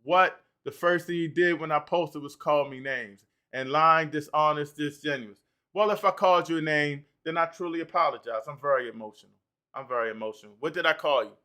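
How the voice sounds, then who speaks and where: Male stream host, bright and fairly high voice, works through the chat out loud. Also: moderate pace. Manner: animated, reads out and answers chat comments. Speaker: livestream host. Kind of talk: livestream talk reading chat comments.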